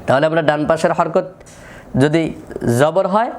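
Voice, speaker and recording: A man's voice: on the high side, moderate pace. A man teaching Quran letter pronunciation, patiently repeating each sound to demonstrate. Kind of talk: slow, deliberate lesson with repeated sample sounds.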